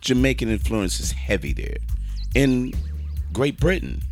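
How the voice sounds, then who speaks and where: A middle-aged man from the Bronx hosts a relaxed conversation in a low but very expressive voice, his pitch swinging widely. He chimes in often, and faint music sits behind him. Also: measured pace, vocal fry. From the Bronx, New York. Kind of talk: casual chat.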